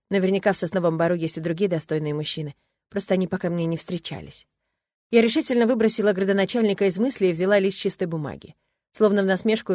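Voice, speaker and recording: A woman narrating an audiobook in the first person, calm and even. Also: fairly low pitch, no room sound, clean studio sound.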